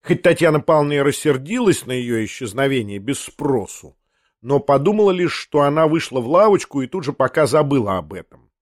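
A man reading a literary audiobook in measured, expressive storytelling. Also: medium pitch, no room sound, studio quality. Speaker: audiobook narrator.

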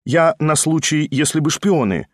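A man's voice: a little high, expressive, a little slow, dry recording, clean studio sound. A man voicing an insistent, commanding woman hostess in an audiobook reading. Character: bossy fussy woman hostess, conspiratorial.

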